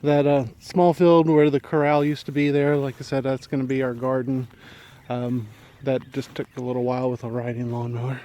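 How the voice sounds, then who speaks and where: Slightly out of breath, a homesteading vlogger chats casually while walking around his rural property on a rambling, relaxed tour. His mid-range voice is dark and level, at a moderate pace with few pauses.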